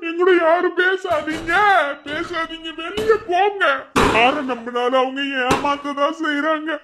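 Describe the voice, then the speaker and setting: A man voicing an angry, weeping young adopted son in a cartoon, with a Madurai Tamil accent, sobbing and shouting bitterly. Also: extremely high pitch, fairly even intonation, measured pace, very noisy. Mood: angry crying. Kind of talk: cartoon voice acting.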